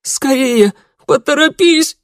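Guy playing a scared young woman yelling warnings, pitched way up, loud, dry audiobook sound. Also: lively intonation, slow, no echo, heavily acted. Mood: frightened urgent. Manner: urgent, shouting warnings. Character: frightened young woman with a pistol. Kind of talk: audiobook narration.

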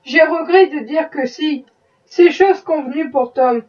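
A woman's voice: high-pitched, a little slow. A woman reading the part of an evasive, embarrassed male plantation owner, curt and defensive. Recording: muffled, distant mic.

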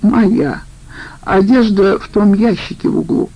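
A sharp-tongued middle-aged woman in a crime audiobook needles her partner with a mocking edge, as a female narrator puts her on. The voice sits dark and a touch gravelly. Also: mid-range voice, a little slow, voice pushed up, poor audio. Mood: coaxing.

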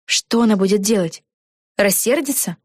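A woman narrating a children's storybook in an even, clear manner. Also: medium pitch, moderate pace, no room sound, studio quality.

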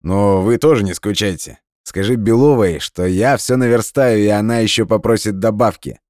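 A man's voice: lowish voice, moderate pace, darkish tone, no room sound, studio quality, pitched above the performer's own voice, lightly acted. A man doing a brash, crude young joker. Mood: brash, joking. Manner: loose, crude, laughing.

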